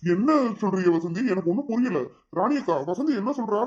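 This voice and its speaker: A woman's voice: medium pitch, animated, fast talker, a little mellow, dull audio, close to an everyday voice. A woman voicing a worried young husband in a cartoon, talking in a flustered, pleading way. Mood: confused.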